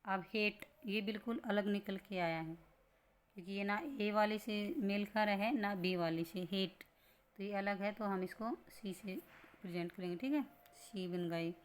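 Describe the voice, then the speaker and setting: Slow, patient woman teaching a lesson. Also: mid-range voice, slight background noise. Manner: slow, patient, repeats and asks questions. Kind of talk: classroom lesson explanation.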